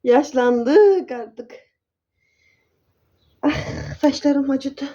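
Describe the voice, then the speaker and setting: Chatty woman vlogger, mellow voice. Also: sits high, lively intonation, extremely slow, lo-fi sound. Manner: affectionate, keeps calling viewers dear. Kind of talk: casual chatty vlog.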